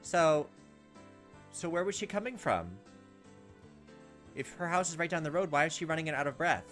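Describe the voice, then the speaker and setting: This let's play has a man narrating a visual novel informally, reading the text and reacting with his own offhand comments. He sounds animated and fairly bright, with a voice on the high side, a moderate pace, and soft music in the background.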